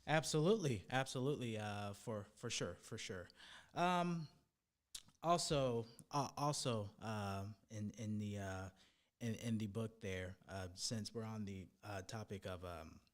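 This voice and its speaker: A man hosting a podcast who asks long questions with many pauses, fillers and restarts. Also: lowish voice. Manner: hesitant, lots of fillers and restarts. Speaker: podcast host. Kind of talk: casual interview questions.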